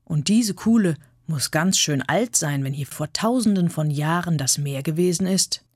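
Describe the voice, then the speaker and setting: A woman's voice: sits low, moderate pace, a little mellow, husky, no room sound, clean studio sound. A woman voicing a sensible boy who speaks in a matter-of-fact, firm way, in an audiobook reading. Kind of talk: audiobook character voice.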